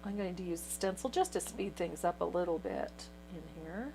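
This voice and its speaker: A woman's voice: on the low side, expressive, fairly quick, gravelly, mellow, a little hiss or hum. A chatty woman who laughs easily, teaching a painting tutorial. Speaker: painting instructor.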